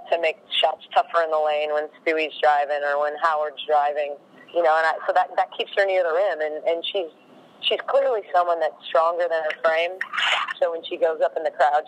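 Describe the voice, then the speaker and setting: A woman's voice: low voice, dull audio. A woman head coach answering questions in a post-game interview, rambling and full of "you know" fillers.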